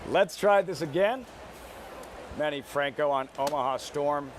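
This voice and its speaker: A man's voice: a little high, measured pace. A man hosting a live horse racing broadcast, talking from outdoors beside the track at a racetrack. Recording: loud outdoor trackside noise.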